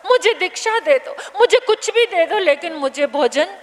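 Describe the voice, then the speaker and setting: A woman's voice: extremely high pitch, animated, normal speed, voice pushed up. A woman voicing a starving twelve-year-old beggar boy who keeps repeating his desperate pleas in a sermon story. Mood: pleading. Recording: reverberant hall, faint background noise.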